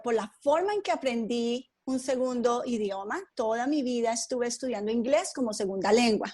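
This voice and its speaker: A woman from Colombia, a podcast guest, telling her story in an unhurried, thoughtful way with frequent fillers. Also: fairly high pitch, a little mellow. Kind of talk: conversational interview.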